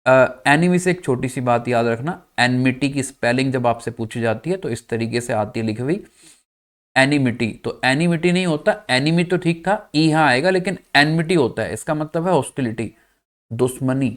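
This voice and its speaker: A man from India teaching an English vocabulary lesson in Hindi, often checking with his students if things are clear and spelling words out letter by letter. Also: medium pitch, normal speed. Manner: addresses students as "bachcha party", checks "clear?".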